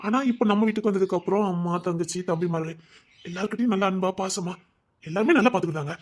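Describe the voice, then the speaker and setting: Male storyteller with a high-pitched voice who voices all the parts of a dramatic audio story. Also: quick pace. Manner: wondering, questioning, then conversational dialogue.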